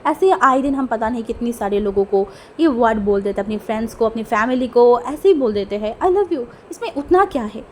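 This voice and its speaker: A woman voicing a lively young man longing for love, earnest and musing aloud in a storytelling fan fiction reading, with faint music behind her. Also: on the high side, a little fast, few pauses, a little hiss or hum, natural voice.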